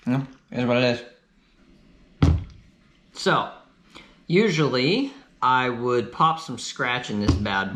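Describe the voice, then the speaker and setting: Male vlogger, mid pitch, relaxed chatty delivery, roomy home sound with faint background hum. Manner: chatty, easygoing, talks while eating. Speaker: cycling vlogger. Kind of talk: casual vlog to camera. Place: home, kitchen and couch.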